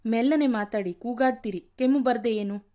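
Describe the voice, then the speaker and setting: A woman's voice: a little high, moderate pace, dark tone, lightly acted. Woman doing a scolding wife of sixty-eight. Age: over 60. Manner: scolding, nagging.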